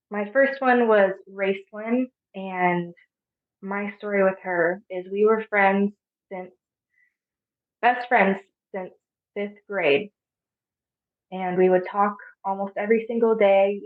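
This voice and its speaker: Young woman in her 20s, soft and halting, sounds like a phone line. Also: mid-range voice. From Arizona, USA. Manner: soft, halting, with frequent pauses. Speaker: podcast guest. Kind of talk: personal storytelling.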